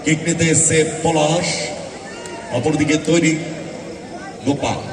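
Excited man commentating football, echoey and distant. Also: a little high, slow pace. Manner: excited, exclamatory calls in short repeated bursts. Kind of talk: live football penalty shootout commentary. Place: outdoor football ground. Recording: echoey distant PA, noisy outdoor crowd.

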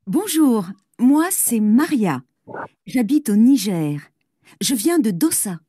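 A woman playing a cheerful young speaker in a scripted language-course dialogue, clearly articulated. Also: a little high, no echo, clean studio sound, heavily acted. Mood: friendly. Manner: slow, lively, clearly articulated.

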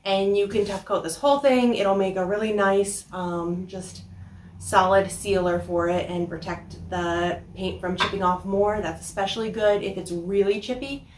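A woman in her thirties hosts a casual how-to vlog on furniture upcycling, chatting and explaining as she works, with frequent ums. Her voice is medium-pitched and darkish, with fairly even intonation and a moderate pace. A distant camera mic in a small indoor workshop captures her, so the sound is reverberant with a little hiss or hum.

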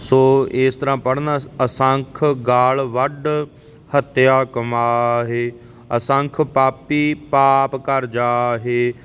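A man teaching scripture pronunciation, reciting verses in a measured way and correcting words in quick asides. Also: level tone, a bit bright, clean tone. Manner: slow measured recitation, brisk spoken corrections. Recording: reverberant hall, faint rumble.

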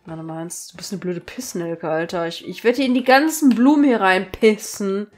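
A woman's voice: mid-range voice, normal speed, darkish tone, faint music behind. A woman commentating casually on her role-playing gameplay, crude, joking and full of slang. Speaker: let's play gamer.

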